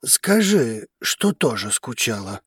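A woman's voice: sing-song, breathy edge, no echo, clean studio sound, full character voice. A woman voicing a tender, devoted male dragon lover. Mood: pleading. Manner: low, slow, hushed and pleading. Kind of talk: audiobook character reading.

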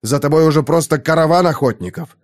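A man voicing an anxious male airship captain who reports quickly and urgently in an audiobook. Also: mid-range voice, animated, no room sound, clean studio sound, close to an everyday voice. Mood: alarmed.

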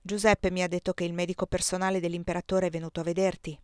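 A woman narrator voicing a calm, sober marshal who is a father, in a novel read aloud. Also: lowish voice, quick pace, no echo, clean studio sound, close to an everyday voice. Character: calm, grave adult man, a marshal and father.

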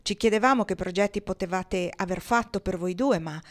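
A woman's voice: medium pitch, brisk, close to an everyday voice. A woman reading a burly bearded prospector. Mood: earnest. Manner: earnest, incredulous. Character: burly bearded male gold prospector, friendly. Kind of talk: audiobook reading.

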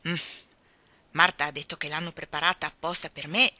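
A woman's voice: sits low, steady tone, a little fast, bright, forceful tone, no room sound. A woman voicing a spoiled, haughty little girl who answers curtly and coldly in a storybook reading. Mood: cold, sulky. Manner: curt, cold replies.

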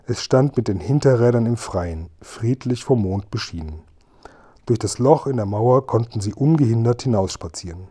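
A man reads a children's storybook aloud with a steady storytelling cadence. His voice is mellow and warm, pitched in an ordinary middle range. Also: normal speed, husky. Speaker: audiobook narrator. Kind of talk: scripted storybook narration.

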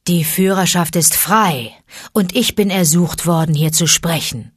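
A woman's voice: on the low side, a little slow, breathy edge, dry recording, clean studio sound. A woman reading an audiobook, voicing a proud, hateful male tiger who bellows threats at the pack. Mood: haughty. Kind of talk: audiobook character voice.

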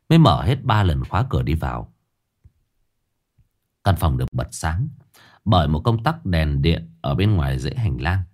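Male storyteller, low voice, animated rise and fall, suspenseful pacing. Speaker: narrator. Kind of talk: dramatic storytelling narration.

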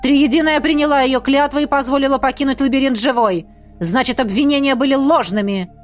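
A woman's voice: sits high, fairly quick, faint music behind, pitched above the performer's own voice, natural voice. A woman voicing a stern commanding priestess who speaks curtly and with authority. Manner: curt, authoritative.

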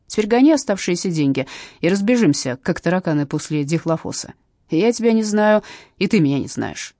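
A woman's voice: fairly low pitch, sing-song, fairly quick, dark tone, no echo, clean studio sound. A woman voicing a shifty, thin male crook who hisses crude threats in an audiobook. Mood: angry hissing. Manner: hissing, snarling threats.

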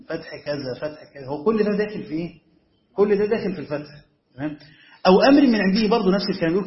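A man with an Egyptian Arabic accent teaching as a sheikh, explaining a text step by step and often checking whether his students follow. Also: sits high. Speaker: sheikh teaching Quran commentary. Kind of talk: classroom lecture on a text. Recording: echoey room, dull lo-fi sound.

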